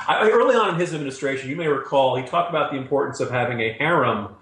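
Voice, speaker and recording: A man's voice: medium pitch, animated, quick pace, a bit bright. A man giving wry, sarcastic commentary as a regular guest on a news discussion show. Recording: roomy echo.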